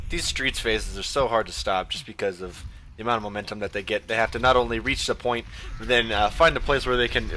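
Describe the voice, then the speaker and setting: Bright-voiced man casting a game. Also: medium pitch. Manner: profane, joking, many ums and uhs, bursts of excitement. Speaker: esports caster. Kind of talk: casual play-by-play commentary.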